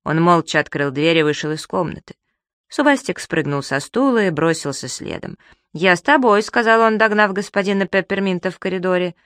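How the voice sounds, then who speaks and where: A reader narrating a children's audiobook in an even storytelling manner. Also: mid-range voice, a little fast, dry recording, clean studio sound.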